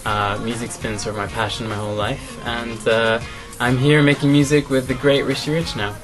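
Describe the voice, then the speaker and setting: A young man from Canada, a singer, answering interview questions in a relaxed, thoughtful way with many fillers. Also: mid-range voice, moderate pace, over music. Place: music studio, indoors.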